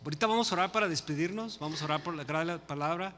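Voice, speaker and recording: An older man preaching a sermon in Spanish and then praying, talking to the congregation with passion, swinging between loud peaks and quiet asides. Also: fairly high pitch, very fast, a little hiss or hum. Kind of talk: Spanish-language sermon and prayer. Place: church hall. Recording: long hall reverb with faint music.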